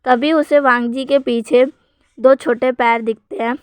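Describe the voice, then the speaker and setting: A woman's voice: sits high, fairly even intonation, measured pace, darkish tone, smooth, dry recording. A woman casually retelling a fan story to her viewers in a chatty way.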